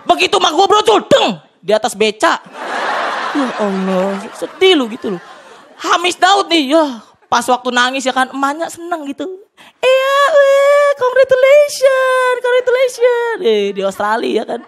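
A man from Jakarta with a colloquial Jakarta accent, performing a loud, excitable stand-up routine on a TV studio stage, bursting into shouted punchlines. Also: very high voice, moderate pace, creaky. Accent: Jakarta colloquial Indonesian. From Tanjung Priok, Jakarta, Indonesia. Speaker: stand-up comedian. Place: TV studio stage with live audience. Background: audience laughter.

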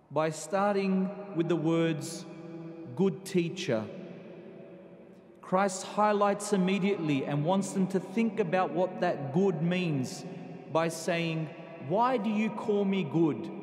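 A man preaching a homily as a priest at a pulpit microphone, slow and deliberate with pauses. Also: high-pitched, darkish tone. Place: large cathedral. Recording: echoey cathedral with long reverb.

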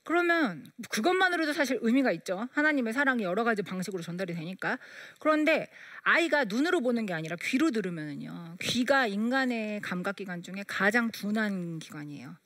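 Woman giving a parenting talk, acts out the quotes, very up and down pitch. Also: a little fast, hardly any pauses, dry recording, studio quality. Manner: lively, acts out dialogue in quoted voices. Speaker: lecturer on parenting. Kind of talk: storytelling lecture.

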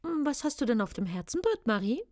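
Woman doing a kindly headmistress, gentle, amused, storybook reading. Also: on the high side, very animated, a little fast, no echo, clean studio sound, pitched above the performer's own voice.

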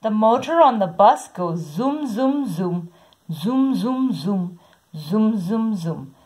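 A woman reading a children's picture book aloud in a slow, sing-song way, saying the repeated sounds softly. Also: medium pitch, animated, slightly rough. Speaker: storybook reader.

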